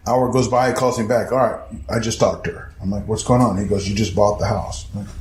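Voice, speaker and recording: Animated, profane man telling a story. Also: on the low side, fast, slight background noise. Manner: animated, profane, acts out other people's voices. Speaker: guest storyteller. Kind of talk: casual storytelling. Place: house interior. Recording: echoey room, faint ambience.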